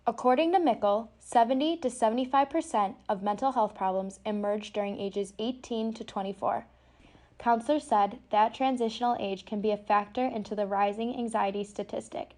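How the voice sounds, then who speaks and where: Young female student reporter, slightly high voice, scripted news narration. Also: normal speed, darkish tone. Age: young adult.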